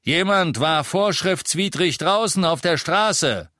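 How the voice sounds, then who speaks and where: Menacing male dark wizard henchman, stubborn, blunt, put on by a male narrator. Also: on the high side, lively intonation, takes it slowly, no room sound, clean studio sound, pitched above the performer's own voice, heavily acted. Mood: threatening. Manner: blunt, threatening.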